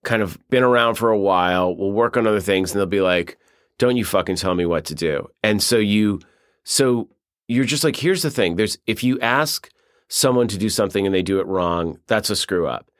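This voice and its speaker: A man's voice: fairly low pitch, moderate pace, fairly bright tone, no room sound, clean studio sound. A man being interviewed as a film director, talking bluntly and profanely in a flowing, storytelling way. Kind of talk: casual interview talk.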